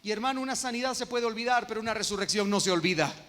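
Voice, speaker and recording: A man with a Guatemalan Spanish accent preaching an expository sermon as pastor, emphatic and slowing down on key phrases. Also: sits high, bright, forceful tone. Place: church sanctuary. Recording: long reverb of a church hall.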